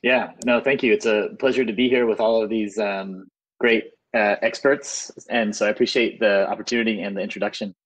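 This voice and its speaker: A man in his forties from the United States, speaking on a webinar panel over a video call in a relaxed, conversational way with frequent "you know". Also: fairly low pitch, brisk, poor audio. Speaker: panelist, urban design expert. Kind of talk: webinar talk. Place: indoors, plain room. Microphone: earbuds on video call.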